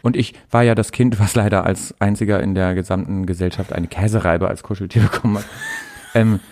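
A man's voice: lowish voice, steady tone, fairly quick, darkish tone. A man co-hosting a comedic podcast, telling stories in a playful way and laughing often. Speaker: podcast co-host. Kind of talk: casual comedic chat.

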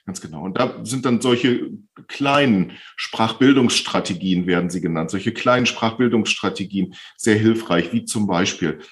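Low-voiced man explaining patiently. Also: normal speed, hardly any pauses. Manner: calm, patient explaining with frequent repetitions. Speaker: speech therapist guest. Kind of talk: explanatory podcast interview.

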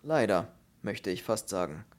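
Man doing a courteous Russian with a bass voice. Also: a little slow. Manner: polite, calm, formal.

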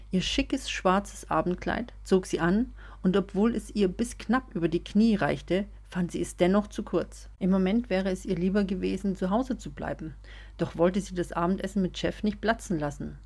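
A woman narrating a serialized German audio story in a calm, even reading voice. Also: fairly low pitch, husky. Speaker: podcast storyteller.

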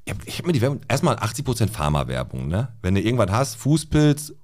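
A man's voice: on the low side, big pitch swings, quick pace, darkish tone. A man co-hosting a podcast in casual chat, rambling and laughing often. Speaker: podcast co-host.

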